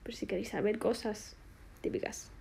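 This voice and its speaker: A woman's voice: mid-range voice, fairly even intonation, moderate pace, vocal fry, mellow, a little hiss or hum. A woman, bubbly and affectionate, casually answering fan questions on a phone live stream. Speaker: singer doing a live stream.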